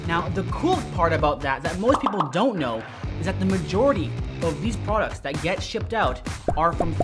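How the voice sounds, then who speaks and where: A man teaching how to start an online business, talking straight to camera in a direct, energetic way, with a slight whistle on his S sounds. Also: high voice. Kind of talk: tutorial to camera.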